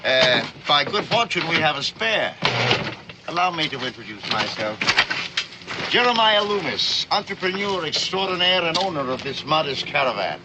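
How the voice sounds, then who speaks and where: A man's voice: fairly high pitch, big pitch swings, normal speed. An actor playing a grandiloquent traveling showman and huckster in a TV western, with pompous, wordy riverboat gambler patter. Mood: grandly courteous. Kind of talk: 1960s television western acting. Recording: noisy old TV western soundtrack.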